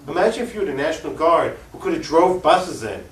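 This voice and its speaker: Recorded in an echoey room for a cable access show, this man speaks quickly with a fairly high pitch and lively intonation, the distant mic catching faint noise. As an activist guest in an interview, he argues politics off the cuff, opinionated and emphatic, often throwing out rhetorical questions.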